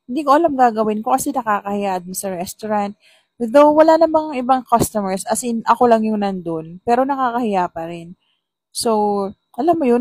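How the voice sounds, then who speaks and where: A young woman vlogger telling a personal story in a chatty, animated way, with exasperated asides. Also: mid-range voice, no room sound. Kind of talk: casual storytelling vlog.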